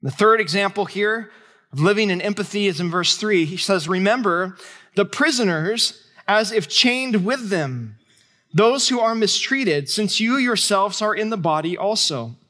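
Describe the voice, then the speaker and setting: A man's voice: high-pitched, lively intonation, a little slow, bright, forceful tone. A middle-aged man preaching a sermon as pastor, telling a story with quoted dialogue and building to emphatic points.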